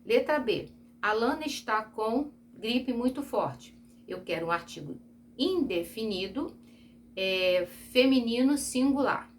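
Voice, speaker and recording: Brazilian lady teacher going over grammar slowly, checks in a lot, bit of background hiss. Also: a little high, expressive. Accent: Brazilian Portuguese. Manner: patient, repeats and spells out examples with frequent check-ins. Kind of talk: recorded Portuguese grammar review lesson.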